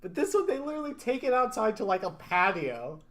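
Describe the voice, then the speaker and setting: A man co-hosting a wrestling podcast, talking excitedly, laughing often and leading the segments. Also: sits high, fairly quick. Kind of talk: casual chat.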